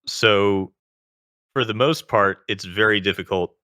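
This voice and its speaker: A man with a very deep voice that keeps a bright, forceful edge speaks as a guest in a casual interview. He goes on at length, explaining things with plenty of "like" and other fillers, at a slightly slow, smooth pace. The recording is close-miked and dry.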